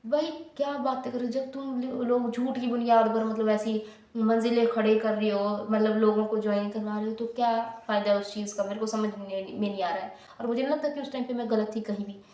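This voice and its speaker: A woman's voice: a little high, flat delivery, brisk, warm tone, reverberant. A young woman vlogger tells a personal story in a candid, heated way. She often breaks off and restarts her sentences. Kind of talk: storytime vlog.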